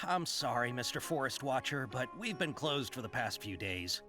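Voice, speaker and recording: A weary caravan merchant from a video game, played by a man. He sounds apologetic at a medium pitch, with clear music in the background. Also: expressive, measured pace, lightly acted.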